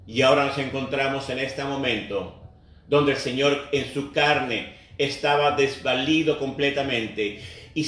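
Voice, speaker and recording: A man preaches an earnest sermon, turning to his listeners and repeating key phrases. His voice rings with heavy echo and sits well back from the microphone. His pitch stays in an average range. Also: fairly bright tone. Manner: earnest, repeats phrases and addresses the congregation directly. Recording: very echoey, voice far from the mic.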